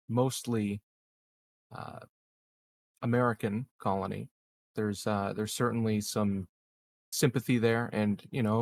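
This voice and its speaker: In a measured, halting way, a man with a lowish voice improvises in-character conversation as a roleplaying player.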